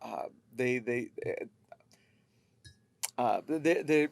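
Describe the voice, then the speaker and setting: A middle-aged man from Lebanon co-hosting a coaching podcast, speaking reflectively and halting often as he searches for words. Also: mid-range voice, vocal fry. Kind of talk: casual conversational podcast.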